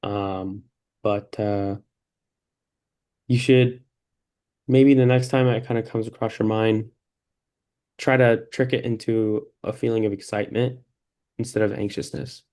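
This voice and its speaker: A man's voice: lowish voice, steady tone, measured pace, long pauses, a little mellow. A man acting as a peer mentor in a faith-based mentoring conversation, talking in an easygoing, encouraging way with many fillers. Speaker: peer mentor in a practice session.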